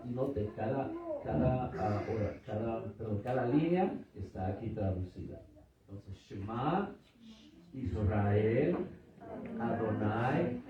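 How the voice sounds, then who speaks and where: A middle-aged man teaching a church seminar, patiently repeating words and checking in with his listeners. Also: fairly low pitch. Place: church hall with audience. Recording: echoey hall from far off, dull.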